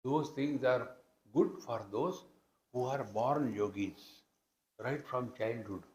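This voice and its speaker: A man with an Indian accent speaks slowly in a darkish, mid-range voice, recorded with the roomy echo of a hall. As a spiritual teacher, he explains scripture in a discourse that is conversational yet emphatic.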